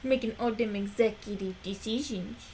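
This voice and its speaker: A woman's voice: on the high side, normal speed, dark tone, slight background noise. A woman chatting casually on a stream, laughing often and cooing at her dog in a sing-song voice. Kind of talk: casual chat while showing crafts and playing with her dog.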